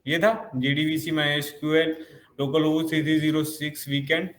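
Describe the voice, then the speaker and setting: A man with a fairly high voice walks through a coding lesson. He explains each step and keeps asking rhetorical questions. The room is echoey, with a faint hiss behind him. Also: little pitch movement, moderate pace. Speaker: programming instructor.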